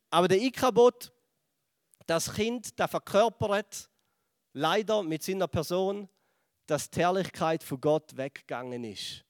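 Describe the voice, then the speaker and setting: A man with a Swiss German accent preaching a sermon, telling a Bible story in lively fashion and dropping to a hush at moments. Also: fairly high pitch, no room sound, clean studio sound. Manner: lively storytelling, acts out voices and drops to a hush.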